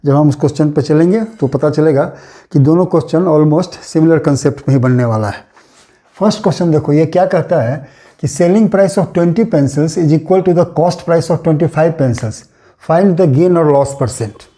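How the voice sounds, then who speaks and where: A man's voice: on the high side, unhurried, warm tone. A man teaching maths, patiently explaining a problem step by step and repeating key points, mixing terms into his speech. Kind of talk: classroom explanation.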